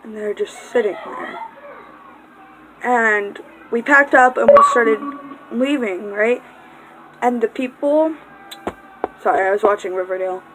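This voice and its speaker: A woman's voice: on the high side, measured pace, pauses often, background noise. Rambling young woman telling a storytime. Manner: rambling, swears, distracted asides. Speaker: vlogger. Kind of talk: casual storytime.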